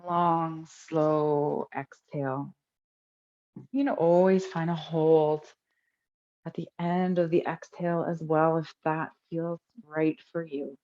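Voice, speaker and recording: A woman speaks in a low register as she walks listeners through a guided breathing meditation. Her delivery stays calm and unhurried, broken by long pauses, and the sound is muffled.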